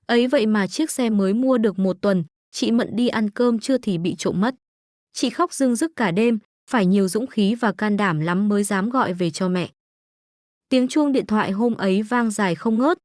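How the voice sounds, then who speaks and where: A woman narrating a storybook calmly and wistfully. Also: mid-range voice, moderate pace, no room sound, studio quality. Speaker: audiobook narrator.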